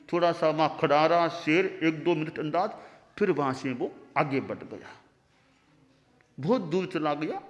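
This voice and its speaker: Slow, animated male sermon storyteller. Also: fairly high pitch, dull audio. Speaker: monk giving a discourse. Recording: long hall reverb.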